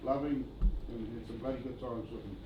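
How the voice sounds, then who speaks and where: A man giving a eulogy for his brother-in-law, telling relaxed, joking stories at a funeral. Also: mid-range voice, a little fast, highs cut off. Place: function venue. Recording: echoey venue with background noise.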